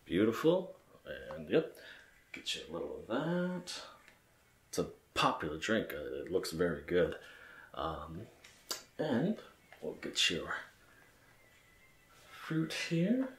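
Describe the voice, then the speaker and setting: A man's voice: sits low, wildly swooping pitch, takes it slowly, long pauses, reverberant, a little hiss or hum. A man doing ASMR role-play game commentary as a bartender, with polite, attentive customer-service patter. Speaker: ASMR gamer playing a bartender.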